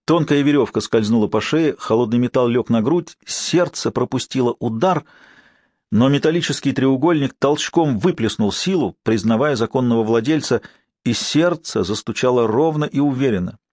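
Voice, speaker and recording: A man narrating a fantasy audiobook in a steady, expressive reading. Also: mid-range voice, normal speed, dry recording, studio quality. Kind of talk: scripted narration.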